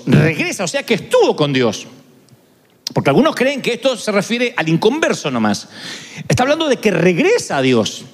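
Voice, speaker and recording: A male pastor preaching a sermon, acting out the words of the people he quotes. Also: extremely high pitch. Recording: echoey hall with long reverb.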